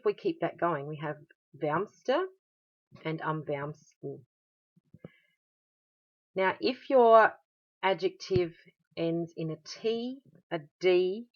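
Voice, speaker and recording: An Australian woman with a low voice talks a class through a grammar lesson, patient and steady, pausing on "um" as she explains. The recording sounds dull and lo-fi. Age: adult. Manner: patient, explanatory, with frequent "um" fillers. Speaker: German teacher.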